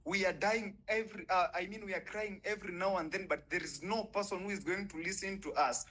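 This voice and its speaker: Speaking fairly quickly in a high, pushed, bright voice, this young adult caller with a Kenyan accent rages indignantly in an online audio room, cursing along the way. The low-quality recording carries a little hiss or hum.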